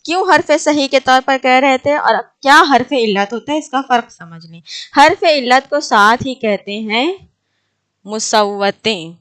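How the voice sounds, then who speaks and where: A woman's voice: sits high, a bit bright. Woman teaching grammar, questioning herself. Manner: explains step by step, asking and answering her own questions; draws out and repeats example words slowly. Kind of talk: exam-prep grammar lecture.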